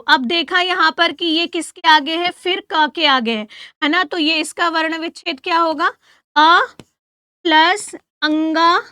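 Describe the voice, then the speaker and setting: A woman teacher giving an exam-prep grammar lesson. She asks questions and answers them herself, spells sounds out slowly for her students, and sets them homework. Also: very high-pitched, bright, forceful tone, no echo, studio quality. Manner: addresses students as "beta", gives homework.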